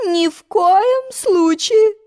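A woman's voice: big pitch swings, a little slow, heavily acted. A woman voicing a fussy, tearful old queen who shrieks and wails. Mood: coaxing. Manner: wails and shrieks in a high, shrill voice.

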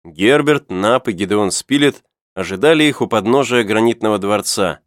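Male audiobook narrator, low and even, dead-dry sound. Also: normal speed, no echo.

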